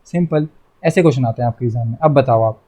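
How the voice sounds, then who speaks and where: A man's voice: mid-range voice, fast, dark tone. A young man teaching a math lesson online, chatty, repeating himself and teasing his students.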